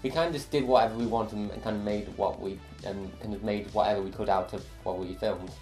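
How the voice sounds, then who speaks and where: A young man with a lowish voice chats about filming, hesitant and full of fillers. The room sounds roomy, with faint music under him. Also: steady tone, fast, a little mellow. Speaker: co-filmmaker, guest. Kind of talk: casual behind-the-scenes chat.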